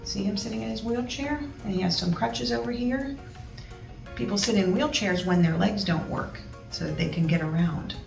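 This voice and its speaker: Here a storybook reader, a woman of average pitch, voices a children's story expressively and adds chatty asides. She has a creaky quality and a moderate pace. The room sounds quite large and the mic a bit distant, with music underneath.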